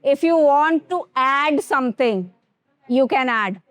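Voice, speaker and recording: A woman's voice: sits high, animated, drawn-out words, no echo. A woman with an Indian accent teaching a grooming workshop to students in a classroom, switching between Hindi and English and addressing them directly.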